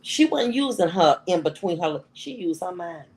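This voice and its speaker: A woman's voice: on the low side, expressive, moderate pace, a little mellow, poor audio. A middle-aged woman giving a motivational talk to an audience, emphatic and repeating phrases for effect. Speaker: motivational speaker.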